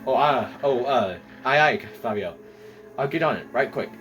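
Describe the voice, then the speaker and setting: A man voicing a gruff, rough-spoken male sailor while reading game dialogue aloud. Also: mid-range voice, animated, normal speed, fairly bright tone, recorded from a distance, soft background music, voice pushed down, close to an everyday voice. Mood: flustered. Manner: gruff, rough working-class talk.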